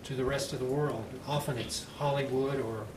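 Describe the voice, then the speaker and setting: A man with an American accent speaking slowly and clearly as he moderates a public panel discussion. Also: medium pitch, fairly even intonation. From United States. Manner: slow, clearly enunciated, deliberate delivery. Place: conference panel room, indoors. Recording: echoey, noisy room, distant mic.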